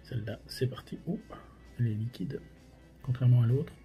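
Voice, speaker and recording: The host of a hot sauce tasting challenge gives casual, hesitant commentary while his mouth burns from spicy food. His mid-range voice moves fairly quickly over music.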